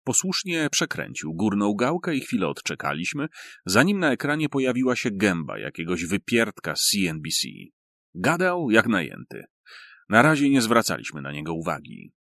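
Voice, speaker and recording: A man reads a first-person story aloud with a wry, storytelling touch. His low voice is gravelly, and his pitch moves a lot. The sound is close and dry. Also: huge pitch swings, normal speed, fairly bright tone, no echo. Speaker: audiobook reader. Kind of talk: first-person audiobook narration.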